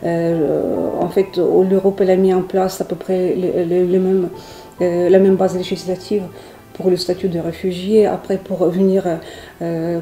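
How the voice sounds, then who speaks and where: Interviewee: middle-aged woman, Ukrainian accent, lowish flat voice, echoey room, music bed. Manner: earnest, halting with many restarts. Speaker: interviewee, volunteer. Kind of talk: interview answers.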